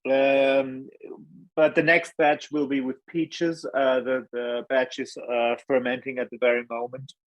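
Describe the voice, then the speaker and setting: A man speaks slowly and hesitantly, filling pauses with ums. His voice sounds dry and close. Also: medium pitch, flat delivery, no room sound, poor audio. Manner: hesitant, many ums, modest. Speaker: hot sauce maker guest. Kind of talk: casual chat.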